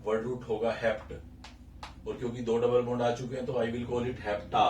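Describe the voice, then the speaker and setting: A man's voice: mid-range voice, little pitch movement, moderate pace, a little mellow, far from the mic, a little hiss or hum. A man teaching a recorded chemistry lesson, explaining step by step and counting carbons aloud while mixing English terms into Hindi. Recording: echoey room, voice a bit off-mic, faint ambience.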